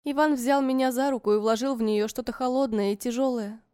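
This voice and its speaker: A woman narrating a story in the first person, in a soft, measured and wistful way. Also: fairly high pitch, fairly even intonation, clean tone, no room sound, studio quality.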